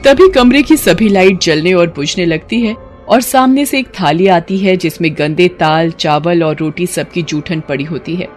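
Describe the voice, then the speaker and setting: A woman narrating an animated horror story in a steady storytelling manner. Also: fairly low pitch, moderate pace, few pauses, faint music behind.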